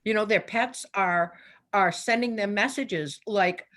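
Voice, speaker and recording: A woman's voice: medium pitch, measured pace, a bit bright. Chatty New woman telling stories. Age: older. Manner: chatty storyteller, laughs often, plays out her animals' thoughts. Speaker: animal communicator guest. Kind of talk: casual interview chat.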